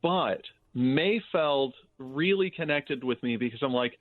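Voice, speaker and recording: Animated man on a tinny line. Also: medium pitch, unhurried, dry recording. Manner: animated storyteller, acts out quotes. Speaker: podcast co-host. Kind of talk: casual podcast chat. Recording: tinny phone-like dry sound.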